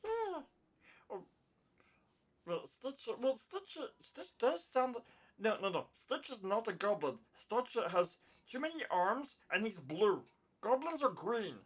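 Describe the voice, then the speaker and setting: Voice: medium pitch, big pitch swings, takes it slowly, breathy edge. A tabletop game player chatting casually, rambling and repeating points. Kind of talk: casual chat.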